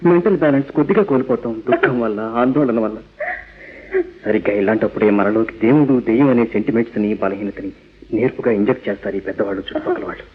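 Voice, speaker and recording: A man's voice: medium pitch, rapid-fire, husky, lightly acted. An actor with a Telugu Indian accent playing a rationalist young father in an old radio drama, speaking emphatically and theatrically with English words mixed in. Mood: firm, reasoning. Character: rationalist young father, atheist, anguished over his son. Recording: tinny narrow-band old radio recording.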